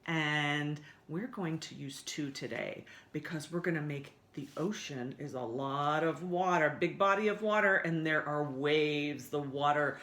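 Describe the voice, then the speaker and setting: A woman with a deep, slightly bright voice runs a children's story time at a measured pace, with hardly any pauses. She talks to the little ones simply and encouragingly, repeating herself as she explains the songs, stories and activities.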